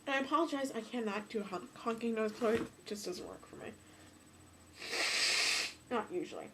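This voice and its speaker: Stuffy-nosed young woman, slightly high. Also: a little fast, heavy background noise. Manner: chatty, apologetic, many fillers. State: stuffy nose. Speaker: vlogger. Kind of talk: casual talk to camera. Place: home room, off camera.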